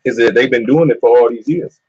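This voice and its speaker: Husky man reading out case details. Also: mid-range voice, quick pace, darkish tone. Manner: reads out case details, casual slang. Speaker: discussion participant. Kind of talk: casual religious discussion. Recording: dull lo-fi recording.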